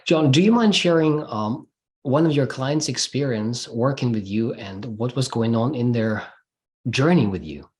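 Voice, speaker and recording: A man hosting an interview, calmly asking questions and summing up what the guest says. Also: medium pitch, measured pace. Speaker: interview host.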